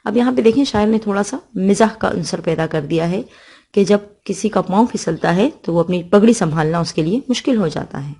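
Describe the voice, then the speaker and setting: Mellow-voiced Pakistani woman teaching a poem. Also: mid-range voice, slightly rough. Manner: recites verses then explains them line by line, checks with "ٹھیک ہے". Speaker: school teacher. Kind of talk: Urdu poetry lesson, reciting and explaining verses.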